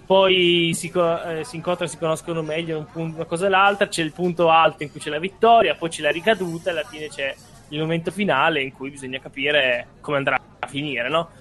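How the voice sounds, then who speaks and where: Male co-host, slightly high voice, informal explainer with loose asides. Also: fairly even intonation, brisk, hardly any pauses, fairly bright tone, soft background music. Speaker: podcast co-host. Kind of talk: casual chat.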